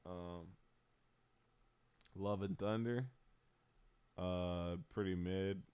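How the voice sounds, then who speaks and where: Male streamer, relaxed rambling delivery, very deep and smooth, dry close mic. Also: very slow, no room sound. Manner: laid-back, rambling, frequent "um" and slang. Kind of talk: casual tier-list commentary.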